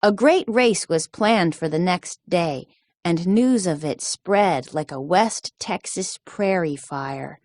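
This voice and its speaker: A woman narrating a children's storybook in a slow, deliberate storytelling manner. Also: fairly low pitch, darkish tone, no room sound. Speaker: storybook reader.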